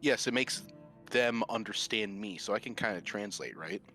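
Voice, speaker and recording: A man's voice: lowish voice, moderate pace, bright, forceful tone, faint music behind. A man playing a tabletop game, earnestly asking the game master about rules and plans. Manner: earnest, asks rules questions. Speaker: player. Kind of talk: casual tabletop play.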